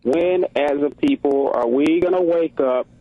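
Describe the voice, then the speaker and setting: A man's voice: a little high, unhurried, no room sound. A man from the Congo calls in to a radio talk show by phone. He builds his points with earnest, preacher-like rhetorical questions. The line is dry and a little muffled. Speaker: caller. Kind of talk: call-in radio commentary. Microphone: phone call.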